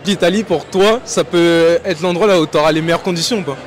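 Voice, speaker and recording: A man asks passers-by questions outdoors in an easy, informal way, following up on their answers. His voice sits a little high. Street noise runs clearly underneath. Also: a little fast. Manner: casual, probing follow-ups. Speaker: street interviewer.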